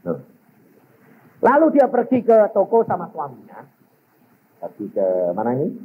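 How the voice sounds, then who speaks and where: Animated male preacher on a tinny recording. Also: fairly high pitch, a little slow. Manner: animated, addresses the congregation directly. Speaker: pastor. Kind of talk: sermon with lively storytelling. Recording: tinny lo-fi phone-like recording with faint hiss.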